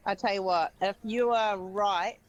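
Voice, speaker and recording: A woman's voice: medium pitch, steady tone, a little slow. A woman with a Scottish accent calling in to a show, joking and teasing over a crackly cordless phone line that breaks up with static. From New Zealand. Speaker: caller. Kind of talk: casual chat.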